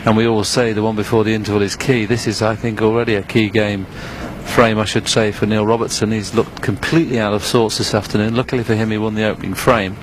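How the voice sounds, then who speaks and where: Hushed, low-pitched male snooker commentator. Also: little pitch movement, a little hiss or hum, rough recording. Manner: measured, unhurried, analytical.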